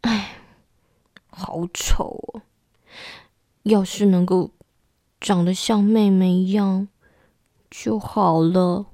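A woman's voice: mid-range voice, fairly even intonation, extremely slow, pauses often, warm tone, big-room sound. A woman playing a plain, lonely orphan girl who longs to be adopted, talking in a sulky, pleading way. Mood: sad. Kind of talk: audio drama acting.

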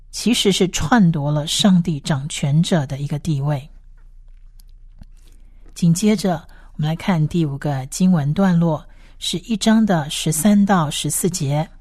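Steady woman teaching a Bible lesson. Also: on the low side, dry recording, clean studio sound. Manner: steady explanatory reading, reads scripture aloud. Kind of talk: scripted Bible study lecture.

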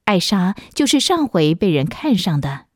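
A woman narrating a children's story in a gentle, expressive storytelling manner on a close studio mic. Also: on the low side, normal speed, no room sound.

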